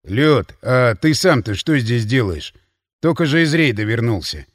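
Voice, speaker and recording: A surly young drunk slurs and sneers his way through each line, as a man reading an audiobook puts him on. Words come slow and heavy, recorded dry and close. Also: mid-range voice, expressive, no room sound, close to an everyday voice. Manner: slurred, sluggish, sneering.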